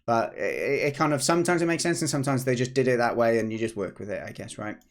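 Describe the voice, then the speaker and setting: A slightly hoarse British game developer, in his thirties, talks through a casual devlog stream on a desk mic at home. He rambles and restarts in a chatty way, his mid-range voice lively in intonation and quick in pace.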